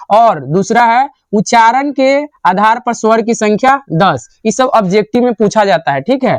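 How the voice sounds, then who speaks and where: A man's voice: high-pitched, no echo. Male teacher drilling answers. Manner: asks a question, then answers and repeats it. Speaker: Hindi grammar teacher. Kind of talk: classroom lecture.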